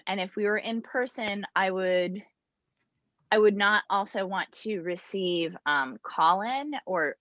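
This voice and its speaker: A woman's voice: medium pitch, fairly bright tone, dry recording. Woman at a meeting, dull dry sound. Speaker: school board member. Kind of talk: public meeting discussion.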